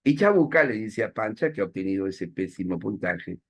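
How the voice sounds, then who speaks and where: A man's voice: lowish voice, expressive, brisk. A man, a teacher giving a playful, self-mocking classroom lecture and checking in with his students.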